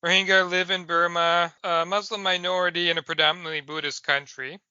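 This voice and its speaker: Male podcast host, very bright and crisp voice, measured delivery, dry close sound. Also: sits high, level tone, no room sound, highs cut off. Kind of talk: podcast interview hosting.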